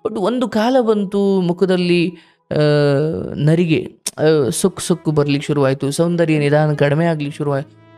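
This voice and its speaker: A man's voice: fairly high pitch, normal speed, faint music behind. A man hosting a live call-in counseling show, giving fatherly spiritual advice to a caller and sometimes acting out what people say. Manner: warm, fatherly, preaching advice with acted quotes.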